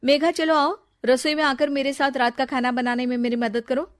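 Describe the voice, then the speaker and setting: A woman voicing a harsh, bossy middle-aged mother-in-law who scolds loudly in a storybook drama. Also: high-pitched, little pitch movement, moderate pace, pitched above the performer's own voice, natural voice. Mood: commanding. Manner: scolding, raises her voice.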